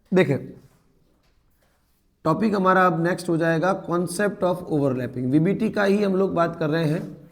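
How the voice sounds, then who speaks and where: A male chemistry teacher, lecturing in a mix of Hindi and English. He asks questions and answers them himself, and he reads definitions slowly. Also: on the high side, creaky, darkish tone. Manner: explains step by step, asks and answers his own questions.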